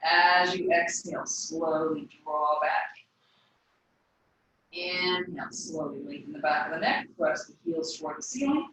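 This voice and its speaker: Brief: woman yoga teacher, calm breath cues, faraway mic in an echoey studio with faint hum. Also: deep voice, a little slow. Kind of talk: guiding a yoga class. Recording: echoey room, voice from a distance.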